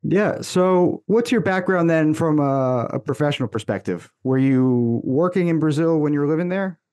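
A man's voice: on the high side, moderate pace, darkish tone. Man in his thirties, friendly podcast host, studio desk mic, casual tone. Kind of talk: casual interview. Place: small room, indoors. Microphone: large studio mic on a desk, headphones.

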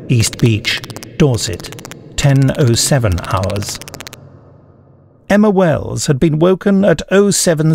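A man reading scripted fiction in a measured, theatrical way with weighty pauses. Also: medium pitch, vocal fry, darkish tone, a little hiss or hum. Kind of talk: dramatic scripted narration.

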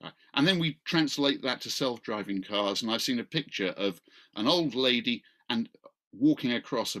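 Sitting indoors in a small, book-lined home room, a middle-aged man who is a law professor and the event's chair opens an online talk with informal, wry remarks. His voice is mid-range and fairly bright, heard through a computer mic on a video call.

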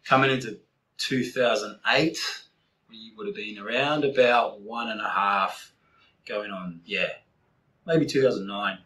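Forties New Zealand man, lowish bright voice, blunt and sweary podcast guest telling it straight. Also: low-quality recording. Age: 40s. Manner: blunt, heavy swearing, candid storytelling. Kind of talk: casual podcast interview.

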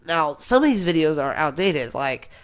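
A man's voice: a little high, big pitch swings, moderate pace, a bit bright, slight background noise. A man with a sick voice, rambling casually as a gaming YouTuber, with many fillers and restarts. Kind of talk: rambling casual vlog talk.

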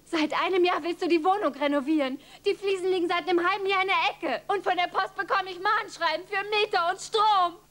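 A woman's voice: very high-pitched, fairly even intonation, fairly quick, few pauses, a bit bright. An actress playing a bitter young wife who scolds her husband with biting words, in dubbed film dialogue. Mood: scolding.

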